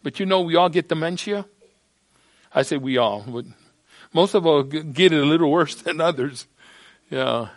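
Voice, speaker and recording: An older man preaches to a congregation with a high voice, swinging from quiet asides to loud emphatic declarations. He often stumbles and restarts his words. The sound is dry and close. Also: no echo. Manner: halting restarts and repeated words. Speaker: pastor. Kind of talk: sermon. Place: church sanctuary.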